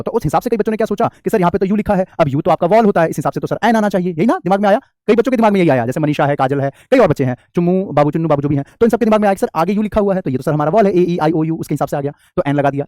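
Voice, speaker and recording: Fast, lively Indian teacher quizzing his class. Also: high-pitched, no room sound, studio quality. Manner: bilingual, quizzing students with questions and answering himself. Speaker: online English teacher. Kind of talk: live online class.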